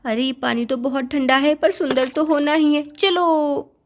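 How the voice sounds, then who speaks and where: Woman storyteller, high voice, animated, exclaiming, doll story narration. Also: measured pace, a little hiss or hum. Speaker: storyteller voicing every part.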